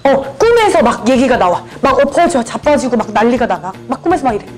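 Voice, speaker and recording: A woman's voice: fairly high pitch, sing-song, quick pace, a little mellow, soft background music. A woman hosting her channel, describing clues in a party guessing game and repeating words over and over. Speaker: channel host.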